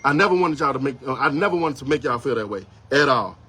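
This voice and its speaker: A man's voice: medium pitch, animated, fast talker, pushed and bright, husky. A man talking on a livestream, rambling and defensive, repeating himself and apologizing earnestly. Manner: rambling, repetitive and defensive, with many restarts. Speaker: photographer on a livestream. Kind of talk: unscripted livestream monologue.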